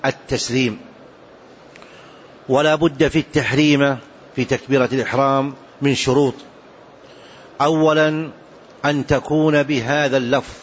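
A man delivering a religious jurisprudence lesson at a measured, deliberate pace, often repeating key phrases. His voice sits at an ordinary middle pitch. The recording is dull and lo-fi, with a faint background hiss. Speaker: Islamic jurisprudence teacher.

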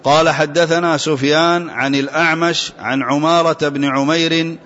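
A man reading aloud to his teacher in a steady, formal recitation. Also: on the high side, moderate pace. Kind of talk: reciting a classical text. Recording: dull lo-fi sound.

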